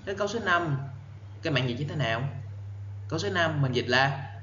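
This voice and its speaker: A male English teacher with a Vietnamese accent, giving an exam-prep lesson. He reads words out carefully, repeats them for pronunciation and explains in quick bursts. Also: on the high side, expressive, echoey room, muffled recording, background noise. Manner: reads answer options slowly, then explains in quick bursts.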